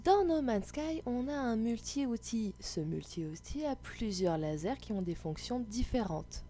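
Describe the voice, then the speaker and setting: A woman's voice: medium pitch, warm tone. A woman ranting about her game as a fed-up, sarcastic raging gamer who explains her misfortune step by step. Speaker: gamer telling a gaming story. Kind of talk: gaming rant, explanatory narration.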